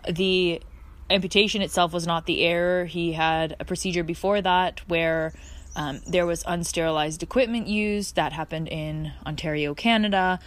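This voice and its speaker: Woman, slightly low voice, podcast host, earnest and effusive, casual reflective monologue, recorded outdoors in a backyard. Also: fairly even intonation, normal speed.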